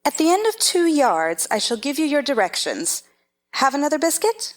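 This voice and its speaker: A woman performs an imperious storybook queen in a theatrical dramatization. Her voice sits fairly high and swings widely in pitch. She is haughty and scolding, handing out clipped commands. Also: wildly swooping pitch, normal speed. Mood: brisk, condescending. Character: haughty, bossy Red Queen, imperious chess-piece monarch.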